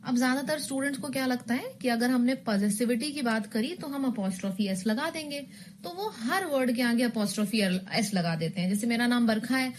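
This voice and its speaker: A woman's voice: on the high side, fairly quick, a little hiss or hum. A woman teaching English in a recorded online exam-prep lesson. She explains rules with memory tricks and keeps asking her students questions.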